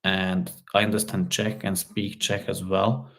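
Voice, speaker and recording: A Hungarian-speaking man from Slovakia hosts a live stream as a car repair hobbyist, casually answering viewer comments. His low voice stays fairly flat in pitch, with a gravelly yet rather bright tone. He speaks haltingly, repeating words, restarting often, and using lots of fillers.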